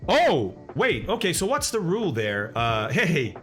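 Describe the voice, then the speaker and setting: A man's voice: fairly high pitch, wildly swooping pitch, unhurried, fairly bright tone, faint music behind. A man streaming a flight simulator, chatting casually with viewers, thinking aloud and laughing often. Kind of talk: casual live-stream chat.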